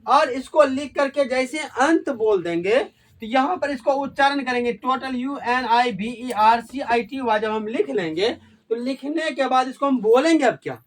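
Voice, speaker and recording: A male teacher with a high voice leads a classroom grammar lesson. He keeps asking the class questions and repeats each key word back to them. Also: lively intonation, a little slow. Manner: call-and-response questioning, repeats key words.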